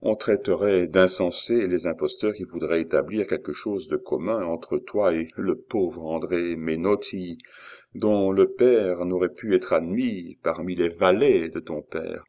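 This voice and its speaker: A man's voice: low voice, a little slow, a little mellow, dull audio. A man reading aloud, voicing an earnest, devoted young engraver who reassures his wife. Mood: tender.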